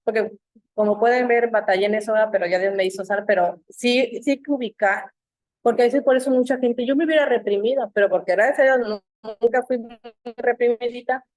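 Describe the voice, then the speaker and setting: Fairly quick and a little high in pitch, this middle-aged woman from Mexico leads a church Bible class as a vivid storyteller, performing the voices of the people she quotes. There is no room sound.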